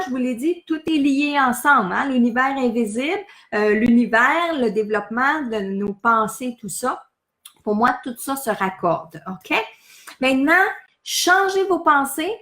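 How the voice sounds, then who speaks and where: A fairly high-voiced woman with a Québécois French accent talks straight to her viewers in a lively, coaching way. She throws questions at them and acts out their self-talk. The room around her sounds echoey. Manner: animated, asks viewers questions, acts out inner phrases. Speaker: medium giving a live talk. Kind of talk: casual motivational talk to viewers.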